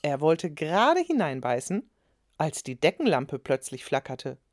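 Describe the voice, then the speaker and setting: A woman reading a children's story aloud with expressive storytelling. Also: sits low, unhurried, no echo, studio quality. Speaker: narrator.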